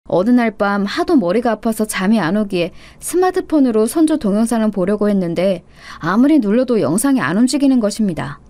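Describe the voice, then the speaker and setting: A woman reading a first-person life story in a steady, confessional storytelling manner. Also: medium pitch. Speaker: story narrator.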